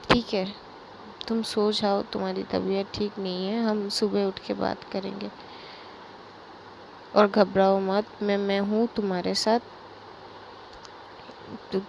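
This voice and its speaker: Woman voicing protective young woman, soft and reassuring, slow delivery. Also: medium pitch, vocal fry, noisy background.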